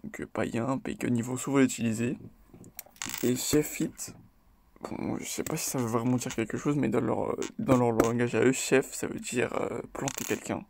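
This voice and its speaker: Gravelly-voiced man chatting casually. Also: mid-range voice, fairly even intonation, moderate pace, background noise. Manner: loose and chatty, tags lines with "ok?" and "voilà"; hesitant, with frequent fillers and restarts. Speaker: video host analysing rap lyrics. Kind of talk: casual spoken commentary.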